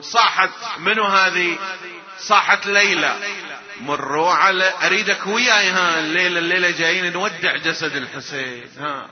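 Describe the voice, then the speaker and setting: A man's voice: high voice, a little fast, crowd noise. A man with an Iraqi accent giving a mourning sermon, moving between spoken address and sung, wailing laments and urging listeners to join him. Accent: Iraqi Arabic. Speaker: mourning preacher. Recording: dull lo-fi recording.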